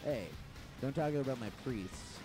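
A man's voice: medium pitch, unhurried, loud music behind the voice. A man co-hosting a podcast, stammering and throwing out goofy wisecracks. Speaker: podcast co-host. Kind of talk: crude casual banter.

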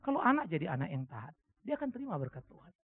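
A middle-aged male pastor delivers a sermon in a high-pitched, gravelly voice. He tells stories with lively pitch swings and acts out the other people's voices. The recording is dry and thin, like a phone line. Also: racing. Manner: animated storytelling, acting out voices with big pitch jumps. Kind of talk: sermon with anecdotes. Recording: dry, phone-like narrow sound.

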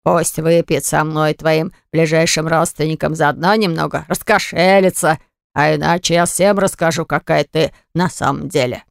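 A woman's voice: deep voice, steady tone, creaky, clear, resonant tone, no room sound, studio quality. Woman doing a nasal, drunk, sneering father. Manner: slow, drawling and mocking. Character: drunk, spiteful middle-aged father, sneering and greedy.

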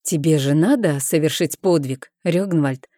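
A woman's voice: deep voice, unhurried, warm tone, no echo, clean studio sound. A woman voicing an anxious mother, a queen, speaking firmly and impatiently. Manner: firm, impatient. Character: anxious mother, a queen, firm with the quarrelling men.

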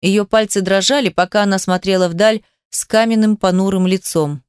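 A woman's voice: mid-range voice, fairly even intonation, normal speed, a little mellow, smooth, no echo, studio quality. Woman narrating an emotional audiobook. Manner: emotive, dramatic first-person reading.

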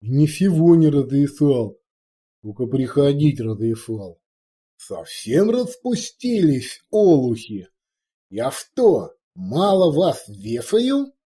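A man's voice: fairly high pitch, very animated, slow, dark tone, pitched above the performer's own voice. A man voicing a pompous male orc chieftain with a heavy lisp, blustering and raising his voice. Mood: furious. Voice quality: lisp, swaps sounds for "f".

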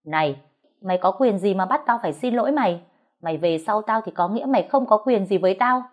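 In this storybook reading, a spiteful young wife, put on by a woman narrator, shrieks insults and taunts, her voice pushed high and loud. The tone underneath stays dark and mellow. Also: animated, brisk, close to an everyday voice. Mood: contemptuous. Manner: shrill, scolding, sneering. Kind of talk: storytelling audiobook.

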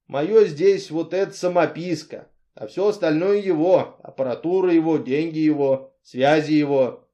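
A man's voice: fairly high pitch, moderate pace, dark tone, lo-fi sound, natural voice. A man voicing a harried middle-aged man who mutters and coaxes in an audiobook. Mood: exasperated. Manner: muttering, exasperated, coaxing.

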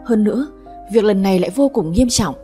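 A woman calmly narrating a family drama story. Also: mid-range voice, brisk, soft background music.

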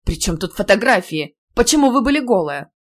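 A woman reading an audiobook, voicing an indignant, fussy middle-aged male deputy dean who scolds loudly. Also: mid-range voice, big pitch swings, fairly quick. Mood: outraged. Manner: loud scolding, theatrical outrage.

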